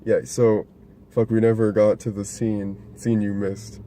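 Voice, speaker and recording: Young male co-host, low mellow voice, loose rambling movie chat, faint hiss behind. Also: flat delivery, unhurried. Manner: rambling, laughs often, swears casually. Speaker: podcast co-host reviewing a movie. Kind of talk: casual chat. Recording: faint background noise.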